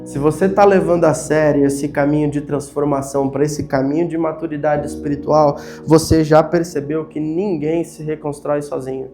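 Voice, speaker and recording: High-voiced Brazilian pastor preaching over soft music. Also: male voice, fairly even intonation, moderate pace, hardly any pauses. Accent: Brazilian Portuguese. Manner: rhetorical questions, repetitive emphatic phrasing. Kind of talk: sermon. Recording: faint music behind.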